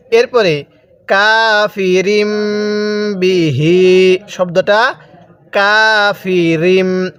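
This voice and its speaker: A man teaching Quran recitation step by step, spelling out letters and then reciting the words slowly and drawn out, and putting questions to the viewer that he answers himself. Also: high voice.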